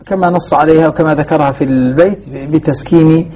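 A man's voice: a little high, steady tone, a little fast, warm tone. A man teaching a Quran recitation lesson, explaining step by step and quizzing his student. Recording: muffled lo-fi recording with faint noise.

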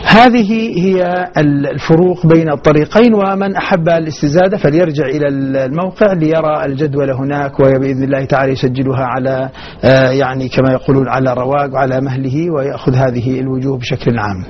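A man's voice: mid-range voice, fairly even intonation, fast talker, a little hiss or hum. Guy teaching quran recitation on a muffled radio show, explains stuff then chants bits of verses. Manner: explains plainly, chants short verse examples. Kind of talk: radio lesson on Quran reading variants. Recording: dull muffled radio broadcast.

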